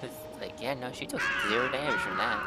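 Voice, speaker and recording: A man's voice: mid-range voice, a little fast. A young man giving casual let's play commentary on a video game. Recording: game music and sound effects behind.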